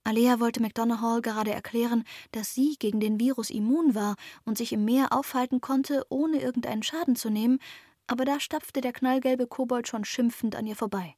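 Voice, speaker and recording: A woman narrating a children's fantasy story in lively, expressive audiobook style. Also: a little high, normal speed, no room sound, clean studio sound.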